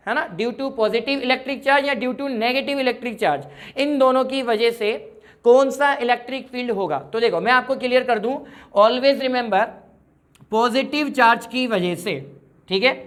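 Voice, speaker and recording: A man's voice: very high voice, a bit bright. A male physics teacher giving a classroom lecture. He keeps asking his students questions and answering them himself, and fondly calls them his children. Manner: addresses students fondly as children, mixes English terms into his talk.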